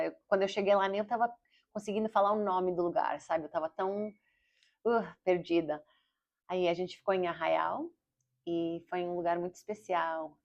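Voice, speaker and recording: A Brazilian-born woman in her forties with an American-accented Portuguese, talking fast and rambling with self-corrections in a casual video diary. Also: on the low side, a little mellow. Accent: Portuguese with an American English accent. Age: 40s. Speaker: vlogger and comedian. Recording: slightly dull lo-fi audio.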